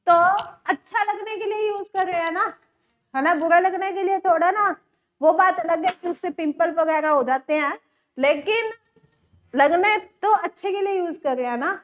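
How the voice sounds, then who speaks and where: Haryanvi lady teacher chatting w her class, high voice, kinda muffled recording. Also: moderate pace. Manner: chatty, addresses students as beta. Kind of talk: classroom lecture.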